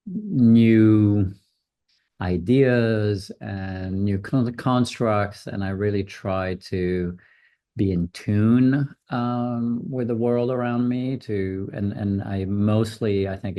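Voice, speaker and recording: A man's voice: lowish voice, mellow. A man in his fifties, a designer being interviewed, answering thoughtfully with many ums and restarts. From Switzerland. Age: 50s. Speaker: guest designer.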